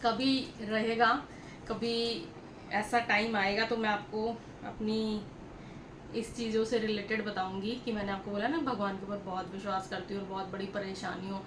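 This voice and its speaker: This vlogger from India chats through a story for her audience, addressing them directly and going over the same points again. Her medium-pitched voice barely varies and moves at a moderate pace, in an echoey space with audible background noise.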